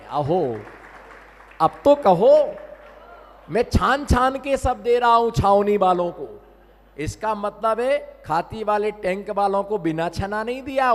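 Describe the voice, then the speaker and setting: A man preaching a sermon, slowly drawing out exclamations and calling on his listeners to repeat his lines. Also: extremely high pitch. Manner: calls on the audience to repeat lines. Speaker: Jain monk preaching. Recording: long hall reverb.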